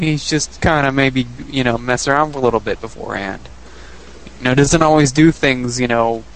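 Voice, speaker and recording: A man with a mid-range voice co-hosts a laid-back podcast chat about a video game, captured on a rough recording. He rambles, keeps correcting himself, and chuckles along the way.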